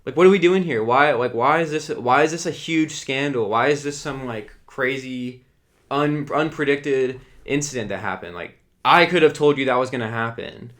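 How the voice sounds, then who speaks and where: A man's voice: medium pitch, normal speed, fairly bright tone. A young man hosting a solo commentary podcast, ranting in a casual way full of "like" fillers and sometimes reading news excerpts aloud. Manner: ranting, heavy use of "like" fillers. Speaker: podcast host.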